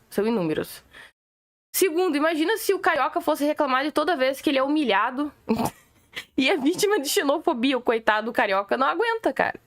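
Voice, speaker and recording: A woman with a Gaúcho accent from southern Brazil, ranting sarcastically and opinionatedly as a political commentator on a live stream. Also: high-pitched. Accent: Gaúcho Brazilian Portuguese. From Rio Grande do Sul, Brazil. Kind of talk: casual livestream rant.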